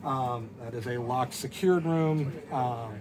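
A man's voice: mid-range voice, slow pace, a crowd in the background. A middle-aged man giving an informal, matter-of-fact guided tour as a store staff member, recorded on a handheld camera in a large indoor space. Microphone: handheld camera a few steps away.

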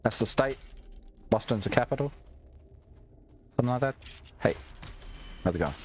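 Australian man in lively, swearing game chatter. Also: medium pitch, moderate pace, lo-fi sound, slight background noise. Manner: chatty, swears and jokes while playing. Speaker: streamer. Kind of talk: gaming livestream commentary.

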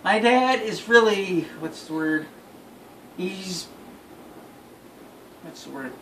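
This is a young adult man with a high, animated voice who takes his time telling friends a story. He comes across as exasperated and emphatic, circling back to repeat himself. The clip was shot on a phone across a small bedroom, and it sounds roomy, noisy and far off.

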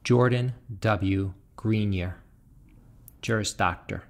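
A man formally reading out graduates' names and degrees at a commencement, in a slow, measured, deliberate way. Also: on the low side. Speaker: commencement name reader.

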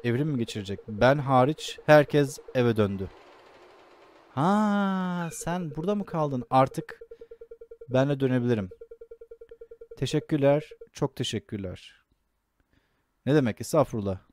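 A man's voice: medium pitch, a little slow, pauses often, darkish tone. A man casually commenting on a farming game as he plays, reading the game's dialogue aloud and laughing often. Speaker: gameplay streamer. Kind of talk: casual let's-play commentary. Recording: faint game music behind.

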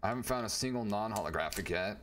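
A man with a slightly low voice chats through a casual live stream as he opens card packs. He rambles to his viewers and grows excitable, talking to one of them by name. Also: fast talker, slight background noise.

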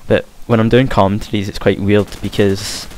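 A young man with a broad Scottish accent gives casual, hesitant gameplay commentary, trying to speak clearly, on a hissy home recording. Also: lowish voice, flat delivery, moderate pace, a little mellow. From Scotland. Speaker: gaming commentator. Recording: hissy home mic with faint noise. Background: game gunfire.

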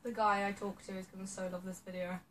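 A woman's voice: medium pitch, little pitch movement, fast talker. A young woman chatting casually on a sofa indoors. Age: young adult. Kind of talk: casual chat. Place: small room indoors, on a sofa. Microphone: camera a couple of metres away. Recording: slightly distant mic, faint room noise.

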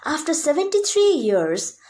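A woman's voice: high-pitched, sing-song, unhurried, darkish tone. A young woman from Sikkim with an Indian accent, giving a prepared competition speech in a stiff, memorized, declamatory manner. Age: young adult. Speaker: college student speech contestant. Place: small room indoors.

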